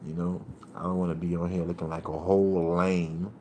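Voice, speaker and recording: A man in his thirties from Puerto Rico chats loosely on his own livestream, with a fairly low voice. He rambles in streetwise slang and greets his viewers by name. A faint hum of room noise sits behind him. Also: flat delivery, fairly quick, dark tone. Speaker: livestream host. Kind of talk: casual livestream chat.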